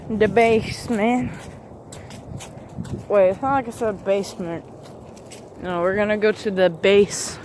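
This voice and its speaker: Here a man's voice, altered by a gender swap filter into a woman's sound, sits high over a noisy background. He's up in a tree in the woods doing a casual vlog, rambling hesitantly and filling the gaps with lots of fillers.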